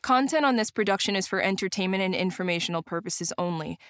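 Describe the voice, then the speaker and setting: A woman reading a legal disclaimer in a brisk, even voice. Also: medium pitch, clear, resonant tone, no room sound, clean studio sound. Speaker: disclaimer announcer.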